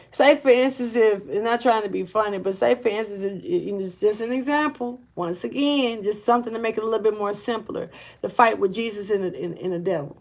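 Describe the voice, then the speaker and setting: Blunt, rambling woman reading tarot. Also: mid-range voice. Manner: loose, rambling and blunt, with slang and cursing; earnest and urgent, repeats and restarts often. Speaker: tarot reader. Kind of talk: casual spiritual tarot reading.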